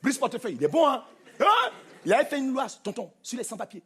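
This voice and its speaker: A man with a Cameroonian French accent performing stand-up comedy on a theatre stage, animated and punchy, mimicking voices. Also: very high-pitched, rapid-fire, slightly rough. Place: theatre stage with live audience. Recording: live show with faint crowd and noise. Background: audience laughter.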